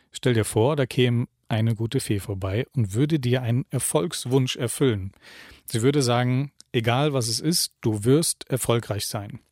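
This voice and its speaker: A man giving a reflective self-help talk, calmly putting questions straight to the listener. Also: medium pitch, no room sound, clean studio sound. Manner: calm, addresses the listener directly with questions.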